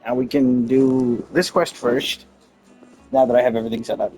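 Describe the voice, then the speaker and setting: Soft music plays behind a man with a dark, medium-pitched voice who speaks steadily at a normal speed, and the recording is rough. He chats aimlessly on a game livestream, breaking off his own sentences with slangy, mildly annoyed complaints.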